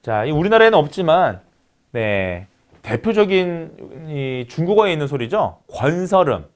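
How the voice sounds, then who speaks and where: A man giving a recorded university lecture, explaining step by step and repeating key terms. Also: a little high.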